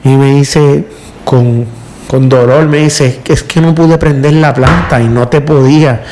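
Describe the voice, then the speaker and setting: A middle-aged man with a Puerto Rican accent, a power utility worker recounting a hard experience in an emotional, halting, repetitive way. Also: medium pitch, fairly even intonation, a little mellow, soft background music. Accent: Puerto Rican Spanish. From Puerto Rico. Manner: emotional storyteller, repeats words, tearful at times. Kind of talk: emotional casual conversation.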